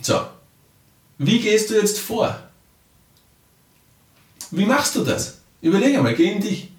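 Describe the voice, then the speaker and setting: A man coaching the listener directly and often checking in with a quick "ja?". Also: high-pitched, big pitch swings. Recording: roomy sound, mic at a distance.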